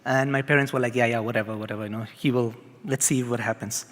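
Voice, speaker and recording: A middle-aged man from Peru giving an earnest personal testimony, halting with frequent restarts. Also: medium pitch, fairly even intonation. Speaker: speaker at a festival. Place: large hall. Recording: long hall reverb.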